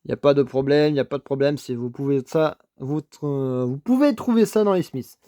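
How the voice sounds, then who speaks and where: A man's voice: mid-range voice, fairly quick, dark tone, no room sound, clean studio sound. A man talking casually as he shows off his toy car finds, full of repeated enthusiastic praise, stammering and restarting as he goes, at his home desk setup. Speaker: toy car collector vlogger. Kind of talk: casual unboxing commentary.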